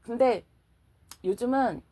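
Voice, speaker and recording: A woman's voice: on the high side, slow pace, dark tone. A woman, a church deaconess, chatting through her personal faith testimony, laughing often and acting out her own prayers.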